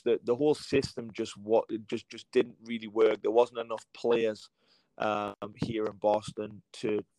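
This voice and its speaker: A man's voice: mid-range voice, darkish tone, no echo, rough recording. A man in his late thirties from England, with an English accent that has a slight American tinge, telling his story as a guest in a rambling way, with many fillers and restarts. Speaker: guest, rugby league coach. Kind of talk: relaxed storytelling interview answers.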